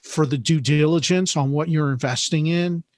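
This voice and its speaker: A man, a podcast guest, explaining investing in a measured interview conversation, often repeating words as he thinks. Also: fairly high pitch, darkish tone, no room sound, studio quality.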